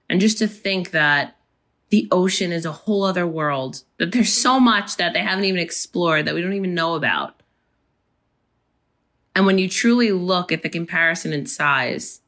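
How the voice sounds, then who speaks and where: A woman with a raspy voice hosting a solo podcast, talking slowly and gently about finding inner peace. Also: lowish voice. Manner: slow, gentle, unhurried delivery. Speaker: podcast host. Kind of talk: reflective solo podcast talk.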